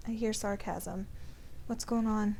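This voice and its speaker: An actress playing a patient girlfriend giving calm, reassuring advice. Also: mid-range voice, unhurried, gravelly, over music. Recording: noisy background.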